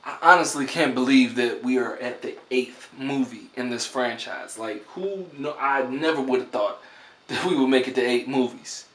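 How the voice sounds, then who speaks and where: Laid-back dude rambling thru a movie review, joking around, echoey room. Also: male voice, mid-range voice, moderate pace, a bit bright.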